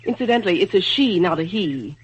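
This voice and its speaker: A woman's voice: on the low side, expressive, a little hiss or hum, natural voice. An actress playing a busy, scatterbrained, motherly nature spirit in a theatrical 1940s radio drama. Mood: kindly fussy. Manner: theatrical, brisk, fussy. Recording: dull lo-fi old radio recording.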